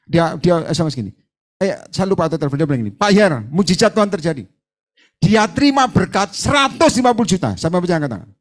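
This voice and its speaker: A man's voice: high voice, sing-song, fast talker. A middle-aged man preaching a sermon in a church hall, acting out both sides of conversations and mixing in words. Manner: mixes Javanese words into his talk. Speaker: evangelist preacher.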